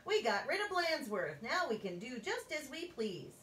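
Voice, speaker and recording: Woman voicing unruly kids, high, loud, eager, distant, roomy. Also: big pitch swings, moderate pace. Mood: excited. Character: excited unruly schoolkids chorus. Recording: roomy, distant, faint hum.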